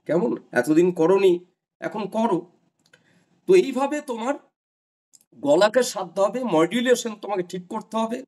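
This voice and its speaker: A man's voice: high-pitched, animated, unhurried, long pauses, darkish tone. A middle-aged man teaching an online class, giving earnest, repetitive advice straight to his students. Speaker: teacher advising job candidates.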